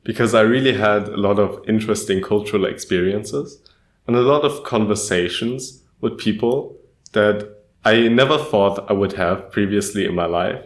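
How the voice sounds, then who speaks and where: A young man from Germany co-hosting a student podcast, talking in a measured, earnest way. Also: lowish voice, echoey room. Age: young adult. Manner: measured, earnest, says "quite frankly" often. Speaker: podcast co-host. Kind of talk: casual podcast chat.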